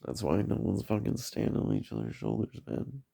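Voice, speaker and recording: A man's voice: low-pitched, sing-song, moderate pace, vocal fry, mellow, husky. A man giving a rambling, profane solo vlog monologue, trailing off on tangents and tagging "man" onto his sentences. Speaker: vlogger.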